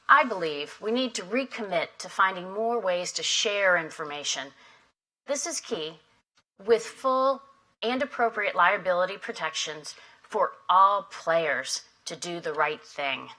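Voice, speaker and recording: Bright-voiced woman giving a keynote. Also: medium pitch, low-quality recording. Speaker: industry association head opening a summit. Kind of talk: prepared keynote speech. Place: conference hall.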